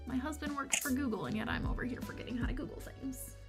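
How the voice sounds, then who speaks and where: A tired American woman with a Michigan accent hosts a co-working livestream, her voice high-pitched and a little fast. She rambles and chats casually with viewers, answering their chat questions in a self-deprecating way. Lofi music plays behind her.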